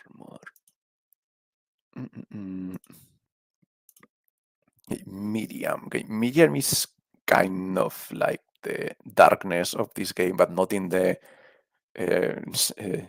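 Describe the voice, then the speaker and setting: Low gravelly man with a Spanish accent. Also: dry recording. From Spain. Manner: rambling, casual, swears, trails off while thinking. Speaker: video creator ranking game characters. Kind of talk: casual tier-list commentary.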